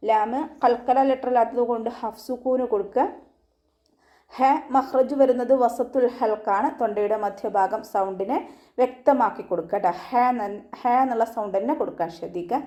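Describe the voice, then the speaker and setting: A woman's voice: fairly high pitch, mellow. A woman teaching Quran recitation rules step by step in a patient, instructive way. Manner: patient step-by-step instruction, ends lines with "kettō"; slow drawn-out chanted recitation of verses. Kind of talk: tajweed lesson, explaining and reciting.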